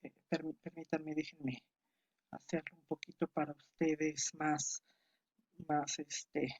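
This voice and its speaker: A woman's voice: sits low, level tone, takes it slowly, a little mellow, slightly rough. A woman giving an online grammar lesson, explaining patiently and calling on students by name. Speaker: teacher. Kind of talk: online lecture on Greek grammar.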